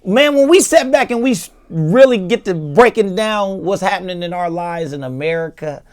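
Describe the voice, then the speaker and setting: Animated high-voiced male podcast host. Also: moderate pace. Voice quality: animated, repetitive stammering. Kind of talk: interview questions.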